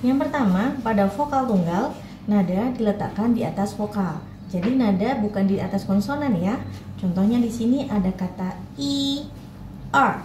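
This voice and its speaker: Patient woman teaching Mandarin tones. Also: mid-range voice. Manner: clear, patient, models tones slowly. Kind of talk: instructional lesson for learners. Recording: echoey room, faint background noise.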